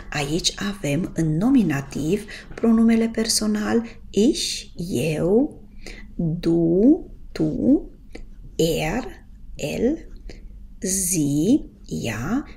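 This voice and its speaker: A woman with a low voice and a gravelly edge teaches a casual language lesson. She speaks to her viewers directly and patiently, slowing down to stretch out each example word. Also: darkish tone. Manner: patient, drawn-out pronunciation of example words. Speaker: German teacher.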